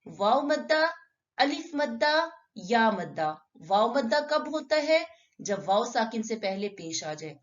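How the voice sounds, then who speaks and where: A woman's voice: fairly high pitch, muffled recording. A woman teaching Quran recitation step by step, asking and answering her own questions and drawing out sample syllables.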